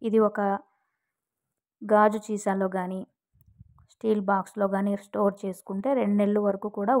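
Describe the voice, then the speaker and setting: Brief: woman cooking vlogger, gentle explanatory home-kitchen talk, mid pitch. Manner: gentle, explanatory, addresses viewers politely. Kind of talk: casual cooking demonstration.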